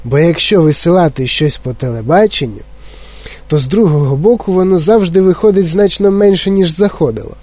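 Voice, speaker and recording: A male storyteller puts on a fizzing, eccentric chocolate maker from a children's storybook. He pitches up high and barks eager orders. The voice sits close and dry. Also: a little fast, mellow, no echo, natural voice. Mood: commanding. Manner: exclaiming, bossy and eager.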